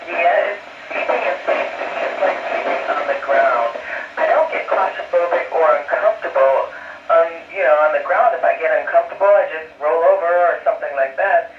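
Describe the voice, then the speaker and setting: A man answering questions as an astronaut over a space radio transmission, explaining things plainly with halting pauses. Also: on the high side, a little hiss or hum. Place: aboard a space station. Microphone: ham radio. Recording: muffled, echoey, distant ham radio link.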